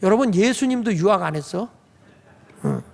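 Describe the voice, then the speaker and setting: A man delivering a sermon as pastor of a congregation. His voice sits high for a man, and he talks to the people in a plain, questioning way. The sound carries the long reverb of a church sanctuary. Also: huge pitch swings, moderate pace, darkish tone. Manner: conversational preaching, asks the congregation questions.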